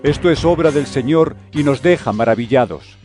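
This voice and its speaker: An actor playing Jesus as an earnest, firm teacher with solemn, declamatory delivery in a scripture audio drama. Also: male voice, mid-range voice, moderate pace, natural voice. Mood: solemn storytelling. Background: music.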